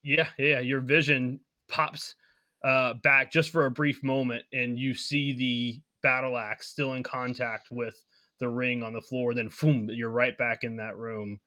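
A man narrating as game master, describing scenes in a halting way with fillers. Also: medium pitch, little pitch movement, sharp tone, no echo.

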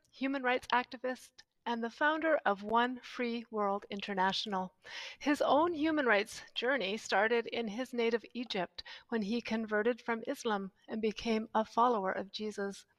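A woman host giving a formal, measured guest introduction. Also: fairly high pitch, fairly bright tone, no echo.

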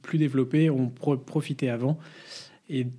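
Male podcast co-host with a warm, dark tone, running down the news items informally. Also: mid-range voice, steady tone, moderate pace, husky. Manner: presents news items, with fillers and restarts. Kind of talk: casual news rundown.

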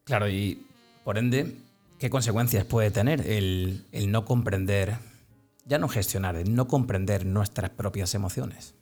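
Man, very low voice, husky, engaged questioning. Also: measured pace, a little mellow, faint music behind. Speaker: interviewer. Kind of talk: conversational interview.

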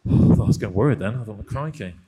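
A man's voice: on the low side, fast, mellow. A man hosting a live podcast, chatty and self-mocking, with plenty of fillers. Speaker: podcast host. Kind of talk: live podcast chat before an audience.

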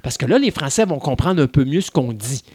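A man's voice: mid-range voice, big pitch swings, fairly quick, a little mellow, husky, no room sound. A man from Quebec with a Québécois accent, co-hosting a podcast in casual chat, opinionated and talking at length with frequent restarts. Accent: Québécois French.

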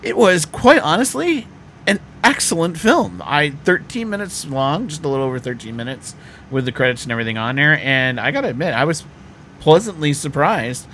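A man's voice: a little high, lively intonation, a little fast, fairly bright tone, a little hiss or hum. A man hosting a podcast, reading promos and chatting about his show's subject. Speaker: podcast host.

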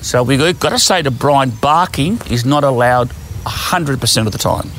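A man's voice: medium pitch, normal speed, fairly bright tone, a little hiss or hum. A man, a dog trainer explaining his methods in a plain, down-to-earth way while working outdoors. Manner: down-to-earth, storytelling with acted-out quotes.

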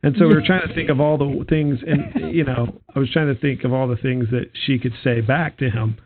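A man's voice: medium pitch, fairly even intonation, brisk, slight background noise. A man co-hosting a casual chat podcast, rambling and joking, often restarting his sentences. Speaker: podcast co-host. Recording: tinny phone-like sound.

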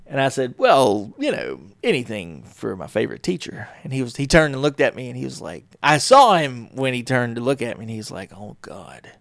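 A man's voice: medium pitch, sing-song, a little fast, gravelly, hardly any pauses, no echo, clean studio sound. A middle-aged man hosting a solo podcast, telling a personal story in a rambling, casual way with many fillers and restarts. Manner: rambling, self-correcting, warm storytelling with frequent fillers. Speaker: podcast host.

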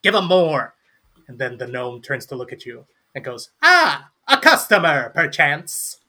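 A man's voice: on the high side, very animated, a little slow, sharp tone, full character voice. A man playing a pompous gnome barkeep. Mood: grandiose. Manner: archaic, theatrical, grandiose. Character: pompous male gnome barkeep, showy salesman.

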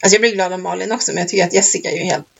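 A woman's voice: lowish voice, steady tone, gravelly, breathy edge. A woman co-hosting a podcast in casual chat, rambling through stories and laughing often. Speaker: podcast co-host. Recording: dull lo-fi recording.

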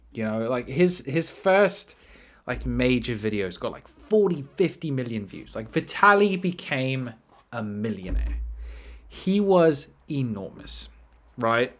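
A male vlog commentator talking casually with a lively, swinging voice that rises and dips a lot. He is chatty and sarcastic, tossing in "right?" after his points. His pitch sits at an ordinary middle level.

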